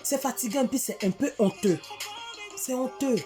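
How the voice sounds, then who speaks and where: A middle-aged woman from Africa tells a story to her viewers in a casual monologue, animated and indignant, repeating words for emphasis. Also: high voice, moderate pace, over music. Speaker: vlogger addressing her community.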